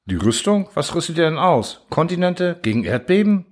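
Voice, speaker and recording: A man's voice: on the high side, lively intonation, moderate pace, voice pushed up. A man reading an audiobook, voicing a huge alien diplomat who asks hasty, impatient questions. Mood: impatient, probing. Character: huge alien male diplomat, brisk and condescending. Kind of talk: audiobook character voice.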